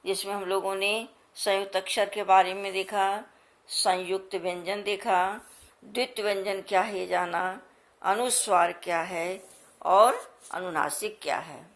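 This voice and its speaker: Slow, patient woman teacher. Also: mid-range voice, steady tone. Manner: slow, repeats each point patiently; addresses pupils directly. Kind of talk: school grammar lesson.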